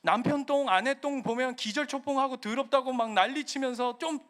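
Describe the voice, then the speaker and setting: A man's voice: very high voice, a little fast. A male pastor preaching a sermon, acting out quotes and firing questions at the congregation. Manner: animated preaching, acting out quotes of God and parents; asks the congregation questions, then answers them himself. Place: church sanctuary.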